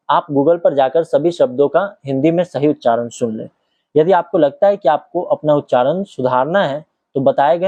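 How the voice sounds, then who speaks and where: A man's voice: fairly high pitch, dark tone, no room sound. A man from Bihar, reading an acting book aloud and explaining it in casual asides as a teacher. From Bihar, India. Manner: switches between careful reading and casual asides, often asks "ठीक है?". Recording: dull lo-fi, dry sound.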